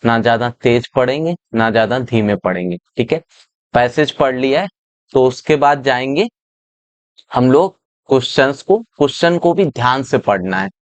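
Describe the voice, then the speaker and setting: A man teaching English for an exam, explaining a reading passage step by step and reading its English lines out slowly. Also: medium pitch, animated, no echo.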